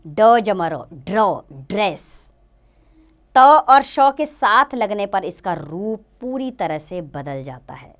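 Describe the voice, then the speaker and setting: A woman teacher giving a grammar lesson to children, slowly sounding out letters one by one. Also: mid-range voice, expressive.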